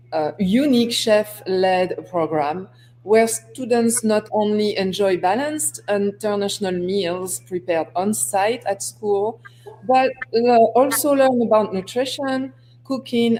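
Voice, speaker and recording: A woman's voice: medium pitch, darkish tone, a little hiss or hum, rough recording. A woman co-hosting a school fundraiser stream, giving a formal, read-out appeal with some stumbles, over a video call. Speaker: school representative and co-host.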